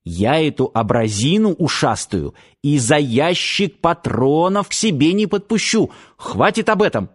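A man's voice: fairly high pitch, sing-song, normal speed, pitched above the performer's own voice. A man reading an audiobook, voicing a defiant, fiery teenage girl with a raised, pouty voice. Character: stubborn fiery teenage girl, red-haired.

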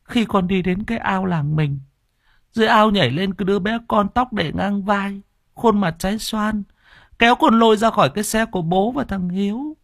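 A man voicing a frightened young boy in an audiobook, his voice pushed high and strained. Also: normal speed, vocal fry, fairly bright tone, no echo, studio quality, full character voice. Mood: weak, earnest.

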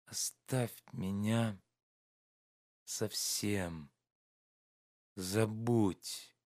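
Guy voicing a tired gentle old-fashioned landowner, slow soft resigned talk, audiobook reading. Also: mid-range voice, smooth, no room sound, clean studio sound, close to an everyday voice. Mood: pleading. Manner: slow, soft, pleading delivery. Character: weary, gentle, resigned man, a listless landowner.

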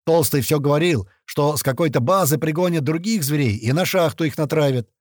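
A man voicing a blunt, rough adult villager telling what happened in a gruff, plain way. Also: fairly high pitch, brisk, dry recording, studio quality, pitched above the performer's own voice, natural voice.

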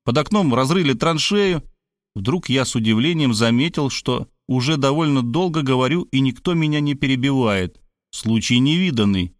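A man's voice: medium pitch, normal speed, no echo. Brief: middle-aged man, wry first-person audiobook narration, dry close mic. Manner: wry, self-ironic, lively with voiced quotes.

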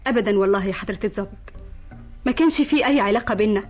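A woman playing a husky, indignant Egyptian woman. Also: mid-range voice, rapid-fire, soft background music, lightly acted. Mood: shocked. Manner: disgusted and tearful reproach. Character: shocked, indignant young woman. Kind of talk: radio drama acting. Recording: dull old radio recording.

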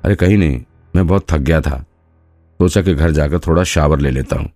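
A man's voice: very deep voice, moderate pace, warm tone, slight background noise. A man voicing a swaggering male detective in an audiobook, taunting his rivals with laughing threats. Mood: offhand.

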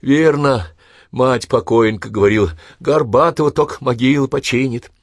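A man's voice: medium pitch, moderate pace, no echo, studio quality, pitched above the performer's own voice, lightly acted. A man voicing a serious, sad middle-aged daughter who speaks firmly and scolds. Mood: stern. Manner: firm, scolding.

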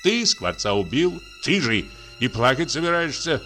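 A man voicing a pompous, sanctimonious landowner gentleman who scolds in a high, drawn-out tenor. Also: very animated, soft background music. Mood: stern.

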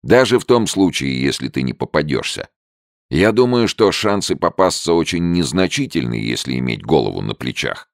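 A man's voice: extremely low pitch, very animated, normal speed, no room sound, clean studio sound, pitched above the performer's own voice, exaggerated voice. A man voicing a nervous young male soldier who pleads with his friend. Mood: pleading.

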